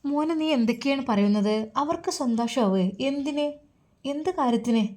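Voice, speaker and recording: Brief: woman doing a anxious pleading mother, raised pitch, soft mellow voice. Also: moderate pace, lightly acted. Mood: tearful. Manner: tearful, pleading, repeatedly calling her son. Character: grieving middle-aged mother, anxious and pleading.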